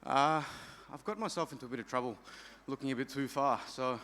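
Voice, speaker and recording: A man's voice: medium pitch, brisk, fairly bright tone. A man giving a humble, gracious post-fight interview after a loss.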